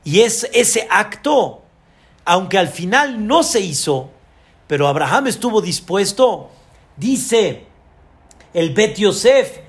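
A man's voice: high-pitched, sing-song, slow, pauses often. A man giving a Torah class as a rabbi, addressing listeners directly with rhetorical questions and emphatic repetition.

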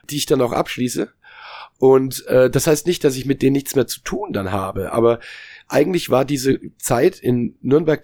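Gravelly man in his late forties. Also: mid-range voice, a little mellow, dry recording, clean studio sound. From Germany. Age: 40s. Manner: rambling, many restarts and fillers. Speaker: podcast guest. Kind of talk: casual chat.

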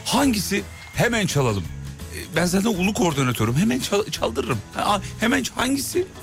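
A man's voice: high voice, very animated, brisk, creaky, faint music behind. Jokey male radio host. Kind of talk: casual studio banter.

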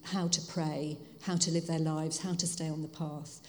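In a reverberant hall, a Hertfordshire woman of 50 or older with a Home Counties accent appears as a guest speaker and spiritual director. Speaking at a moderate pace in a low voice with little pitch movement, she explains things to the audience in a reflective, conversational way.

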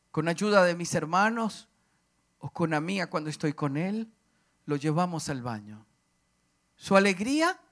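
A middle-aged man preaching a sermon, impassioned, swinging from loud declarations to hushed, emotional speech. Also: sits high.

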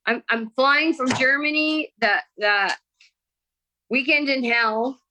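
A woman, an actress, chatting as a podcast guest, telling stories in an animated, excited way. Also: high voice, takes it slowly, poor audio. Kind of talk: casual interview chat.

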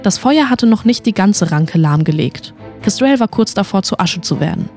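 A woman narrating a fantasy story in an expressive audiobook reading. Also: medium pitch, normal speed, soft background music.

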